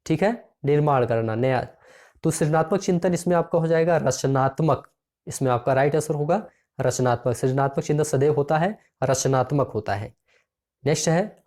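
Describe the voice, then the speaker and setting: Male exam-prep tutor, warm mellow tone, reads each question and its options, then drills the answer. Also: fairly high pitch. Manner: addresses listeners as friends.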